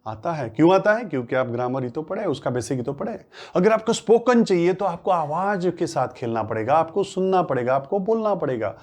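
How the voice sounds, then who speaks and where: A man's voice: a little high, animated, a little fast, hardly any pauses, a little mellow. A man whose first language is Marathi, teaching a spoken English lesson in Hindi. He asks questions, answers them himself, and repeats phrases for emphasis. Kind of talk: classroom-style lesson.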